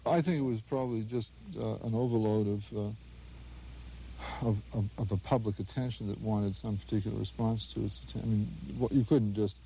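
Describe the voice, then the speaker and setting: A man giving a documentary interview, halting and restarting as he searches for words. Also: lowish voice, fairly even intonation, warm tone, slight background noise, poor audio.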